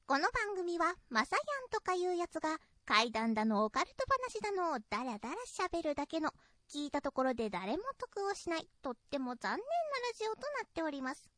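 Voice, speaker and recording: A woman's voice: sits high, sing-song, a little fast, hardly any pauses, a bit bright, dry recording, studio quality. A woman reading a scripted radio show introduction in polite, formal phrasing. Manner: polite formal phrasing with tongue-in-cheek disclaimers.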